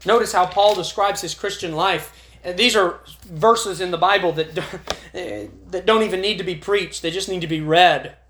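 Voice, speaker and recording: A man's voice: high voice, moderate pace, fairly bright tone, slight background noise. Man, preacher, sermon at prayer meeting, earnest, emphatic, echoey chapel. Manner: earnest, rises to emphatic when reading scripture.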